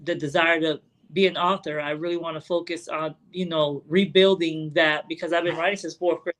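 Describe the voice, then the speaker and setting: A woman's voice: low voice, steady tone, brisk, rough recording. A woman in her late forties talking reflectively on a podcast, with many "you know" fillers. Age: 40s. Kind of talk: casual podcast conversation.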